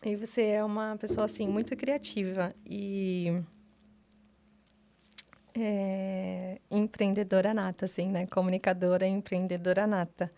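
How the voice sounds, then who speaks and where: A woman's voice: medium pitch, level tone, measured pace, warm tone, slight background noise. A Brazilian woman interviewing her guest, asking friendly, loosely phrased questions with fillers. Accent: Brazilian Portuguese.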